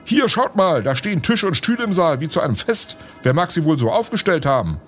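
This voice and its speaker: A man voicing an excited villager in a storybook, calling out across a square. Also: fairly high pitch, a little fast, soft background music, pitched above the performer's own voice.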